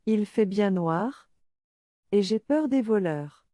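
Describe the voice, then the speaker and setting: A woman voicing an old woman who is a kindly fairy in a storybook tale, speaking gently. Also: medium pitch, animated, slow pace, no room sound, clean studio sound. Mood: gentle.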